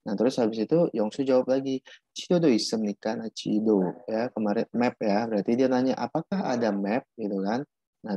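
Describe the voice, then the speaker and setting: A man's voice: mid-range voice, dark tone, dry recording. A man teaching Korean pronunciation in a casual online class, repeating himself and restarting while he explains. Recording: dull muffled audio.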